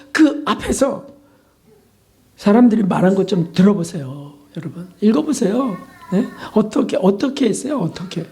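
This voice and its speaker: A man's voice: very high-pitched, a little mellow. A male pastor preaching a sermon with emphatic, dramatic questions.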